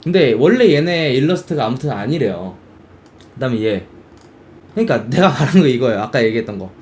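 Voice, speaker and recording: A man's voice: mid-range voice, a little fast. A young man who streams games, chatting casually and acting out reactions in quoted bits. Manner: animated, exclaims and acts out quoted reactions. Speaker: game streamer. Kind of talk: casual game chat.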